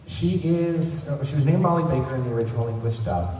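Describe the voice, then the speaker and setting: Running a fan convention trivia panel, a man addresses a live crowd in a big indoor convention hall in a casual, rambling way. He talks fast with a medium-pitched, dark-toned voice. Captured from a distance, the audio is very echoey and noisy, with room ambience throughout.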